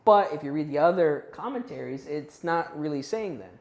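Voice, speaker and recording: A man's voice: on the high side, lively intonation, normal speed, darkish tone, highs cut off. A man teaching a youth Bible class in a casual, conversational way, checking in with his listeners and unsure how to pronounce some Hebrew and Greek words. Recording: roomy echo.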